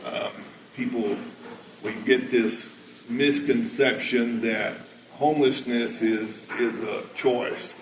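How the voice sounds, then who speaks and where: Speaking slowly and steadily at a medium pitch, this roughly sixty-year-old American man has the booming voice of a preacher. He shares stories in a casual talk-and-interview setting inside a cafe. The recording picks up room echo and clear background noise.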